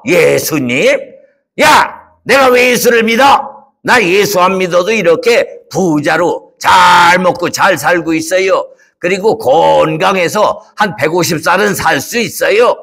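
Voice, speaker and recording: A man doing a gruff, scoffing rich man. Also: high voice, a little slow, pitched above the performer's own voice, full character voice. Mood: boastful. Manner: blustering, shouts in anger, scoffs. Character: greedy, gruff rich man, scornful and stubborn. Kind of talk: church puppet show.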